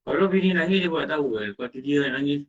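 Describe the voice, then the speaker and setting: Malaysian ustaz lecturing from a distance. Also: male voice, a little high, expressive, quick pace. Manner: questions the audience and acts out quoted dialogue. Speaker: religious teacher. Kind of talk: Islamic lecture. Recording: distant muffled mic.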